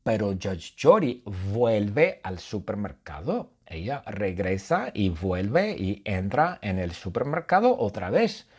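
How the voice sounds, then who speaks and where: A husky-voiced man narrates a silly story at an unhurried pace. His pitch leaps around as he plays it up, acting out shouts and sound effects for his listeners. The telling is playful and deliberate, shaped for language learners. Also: sing-song. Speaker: Spanish teacher telling a story.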